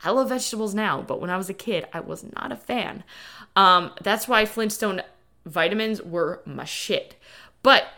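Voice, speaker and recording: A woman's voice: medium pitch, moderate pace, pushed and bright. A woman hosting a podcast as a coach, talking casually and motivationally to listeners in informal, lightly sweary language. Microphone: dedicated podcast microphone.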